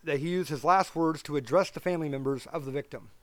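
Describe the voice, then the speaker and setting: A man's voice: on the high side, quick pace, fairly bright tone, no echo. Blunt sarcastic man reading news. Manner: reads news stories aloud, then adds blunt sarcastic commentary; stumbles and corrects himself while reading. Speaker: podcast host.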